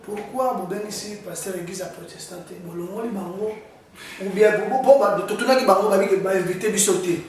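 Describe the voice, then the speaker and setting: A man, interviewing a pastor and pressing him with animated questions. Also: high-pitched, brisk, recorded from a distance, noisy background. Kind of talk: street interview. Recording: echoey, mic held off.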